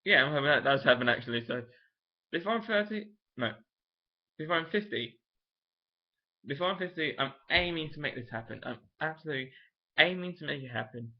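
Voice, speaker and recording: A man's voice: on the high side, lively intonation, a little fast, pauses often. A young man chatting casually to camera in a vlog, rambling and thinking aloud with frequent restarts. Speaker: vlogger. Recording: dull lo-fi home recording.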